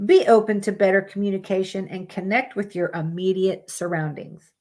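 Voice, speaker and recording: A woman's voice: mid-range voice, normal speed, darkish tone. Woman, live streamer, horoscope reading, casual, blunt profane asides. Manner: reads aloud plainly, breaks off with swearing asides.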